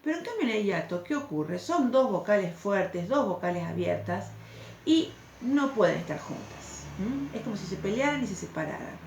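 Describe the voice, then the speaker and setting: A woman's voice: mid-range voice, very animated, normal speed, a little mellow. A woman teacher, patiently explaining a recorded lesson and checking in with the class through questions. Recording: echoey room, faint background noise.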